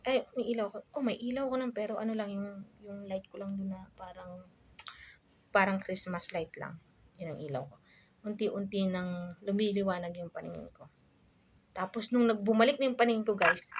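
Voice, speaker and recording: A woman's voice: medium pitch, slight background noise. A young adult woman from the Philippines telling a personal story in a casual vlog, full of fillers and asides to her viewers. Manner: chatty, many fillers, addresses viewers as guys. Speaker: vlogger.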